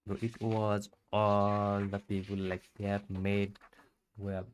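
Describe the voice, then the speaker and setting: A man reading a book aloud for his channel, in a halting, stumbling way with restarts. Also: on the low side, completely flat delivery, smooth.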